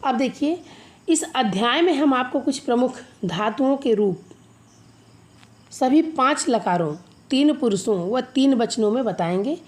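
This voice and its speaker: A woman teacher with a fairly high voice explains a grammar lesson. She poses questions to her students and answers them herself. She slowly recites lists of verb forms for them to repeat. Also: expressive, darkish tone.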